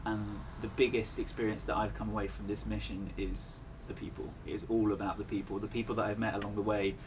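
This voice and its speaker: A man with a fairly low voice talks casually as a guest in an interview. His way of speaking is earnest and reflective. Clear ambient noise sits behind his voice. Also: level tone, fast talker. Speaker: endurance runner, interview guest. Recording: clearly noisy ambient background.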